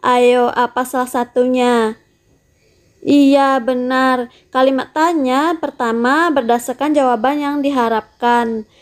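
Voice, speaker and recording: A woman narrating a primary school lesson, talking to the pupils in a friendly way and putting questions to them. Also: high-pitched. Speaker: teacher.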